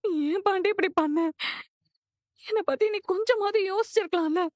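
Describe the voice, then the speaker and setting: A woman's voice: very high-pitched, normal speed, a little mellow, no echo, studio quality. An actress playing a hurt young woman who pleads with and reproaches her boyfriend on the phone. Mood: pleading. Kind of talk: TV serial acting.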